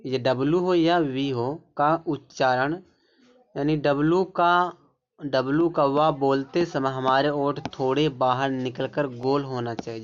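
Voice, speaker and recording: On a dull lo-fi recording, a man with a smooth, mid-range voice teaches English pronunciation rules word by word. He repeats himself and keeps pointing things out over and over.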